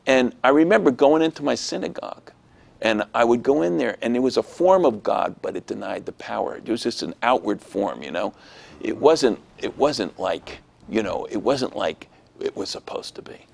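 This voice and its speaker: Animated man with a gravelly voice. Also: medium pitch, moderate pace. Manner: animated, acts out quoted voices. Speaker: interviewee. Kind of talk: personal testimony storytelling.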